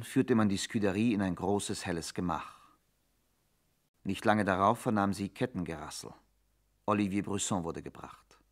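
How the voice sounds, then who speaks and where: Narrator for radio drama: man, lowish voice, formal dramatic storytelling with expressive suspense.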